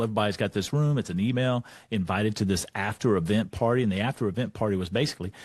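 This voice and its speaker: Over an online call, a Texan man who works as a motivational speaker and coach tells an animated story, pausing now and then to check his notes. His mid-range voice is husky. The audio is studio quality with no echo.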